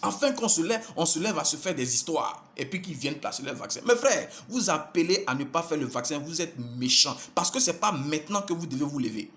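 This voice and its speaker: A man's voice: fairly high pitch, expressive, fairly quick, few pauses, fairly bright tone. A man delivering an impassioned, exhortative monologue, repeating phrases and calling his listeners brothers. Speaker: preacher addressing followers.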